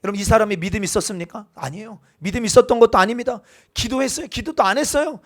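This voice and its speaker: High-voiced male pastor preaching. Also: racing. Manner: keeps asking the congregation for responses; builds to loud, emphatic proclamation. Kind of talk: sermon.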